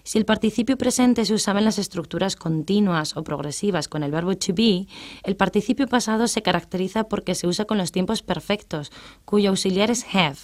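A woman explaining English grammar in a radio lesson, patient and methodical, reading out English examples slowly. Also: medium pitch, darkish tone.

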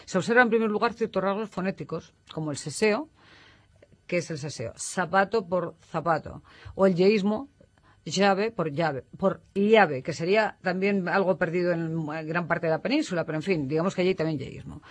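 A man's voice: high voice, brisk. A man from Spain, explaining as an expert guest on a radio talk show, in a didactic manner that often tags statements with a questioning "no". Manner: didactic, tags statements with "¿no?", corrects himself mid-sentence.

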